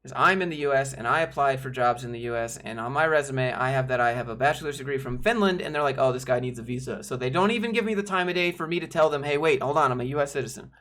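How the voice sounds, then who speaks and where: A man's voice: medium pitch, quick pace, hardly any pauses, a bit bright. A young man hosting a casual livestream, reviewing resumes in a blunt, laid-back way. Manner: blunt, laid-back, says "dude" a lot.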